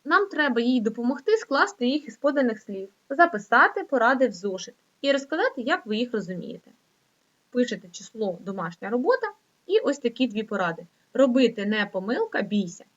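A woman's voice: very animated, a bit bright. Sing-song woman teaching young children. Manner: slow, sing-song reading with rising pitch. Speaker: primary school teacher. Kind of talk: online lesson for young children. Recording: dull lo-fi recording.

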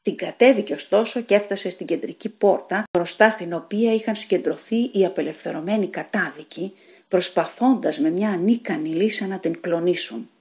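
A woman reads a short story aloud in a fairly low voice, taking a steady, deliberate pace. Her delivery is measured and dramatic, in the manner of a practiced audiobook narrator.

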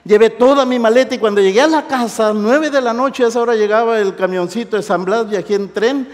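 A middle-aged man preaching to university students, animated, swinging from loud exclamations to soft intimate asides. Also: high voice, fairly quick. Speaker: pastor. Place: large hall. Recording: reverberant hall.

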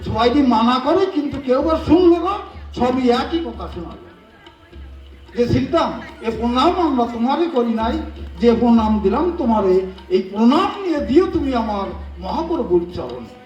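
Speaking at a moderate pace in a very high voice, a Bengali-accented man performs kobi gaan far from the mic, his sound reverberant. He narrates a devotional folk story on stage with animated energy, changing his voice for each quoted character.

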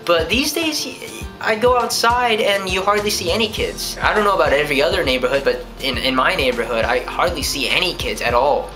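A man's voice: a little high, animated, fairly quick, music in the background. A young man from New Hampshire chatting casually at home, answering viewer questions and rambling as he talks with his hands. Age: young adult. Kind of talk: casual vlog chat. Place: living room at home, indoors.

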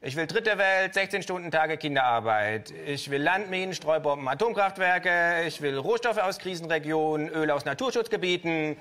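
A man's voice: normal speed, hardly any pauses, sharp tone. A man voicing a cynical, ruthless male kangaroo investor in a comic story reading, brash and sneering. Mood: scornful. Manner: brash, sneering, shrill outbursts.

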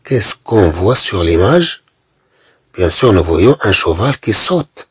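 A man teaching beginner French, slowly repeating syllables and words for learners. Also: low-pitched, big pitch swings, husky, dry recording. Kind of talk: beginner language lesson.

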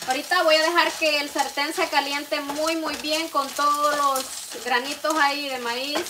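Salvadoran woman, high voice, chatty home cook, pot clatter behind. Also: level tone, a little slow, background noise. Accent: Salvadoran Spanish. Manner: homely, talkative, addresses viewers warmly as "usted". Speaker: cooking vlogger. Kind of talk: chatty live cooking stream. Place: home kitchen. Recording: clatter of pots and utensils.

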